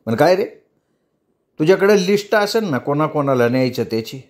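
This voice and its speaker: A man's voice: on the high side, lively intonation, moderate pace, darkish tone, natural voice. A male storyteller voicing an anxious working-class driver who pleads and argues his case.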